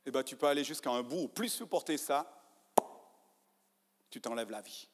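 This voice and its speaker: Animated preacher, lively pitch, hall echo. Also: male voice, normal speed. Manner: animated, acts out inner voices, swings from hushed to loud. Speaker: pastor. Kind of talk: sermon. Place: church. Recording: church hall reverb.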